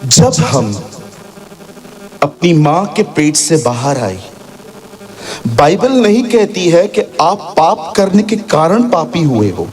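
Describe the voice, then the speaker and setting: A man preaching a sermon as a pastor in a church, animated and sometimes shouting, mixing English phrases into his talk. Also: a little high, slow pace, long pauses, a little hiss or hum. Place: church hall with congregation.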